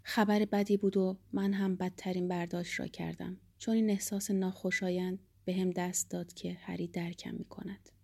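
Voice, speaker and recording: A woman with a mellow, darker tone narrates a first-person audiobook. She reads in a steady, reflective way, with a measured, even delivery. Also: lowish voice, creaky.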